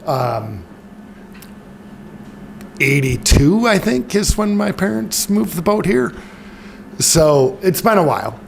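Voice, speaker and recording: A man's voice: sits high, big pitch swings, slow, vocal fry, long pauses, slight background noise. A man giving a casual talk to an audience, wry with laughing asides. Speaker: presenter.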